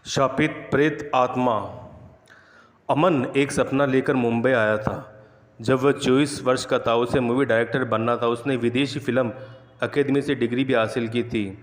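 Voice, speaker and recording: A man narrating horror stories in a measured, steady manner, recorded in an echoey room. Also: mid-range voice. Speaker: storyteller. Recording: echoey room with long reverb.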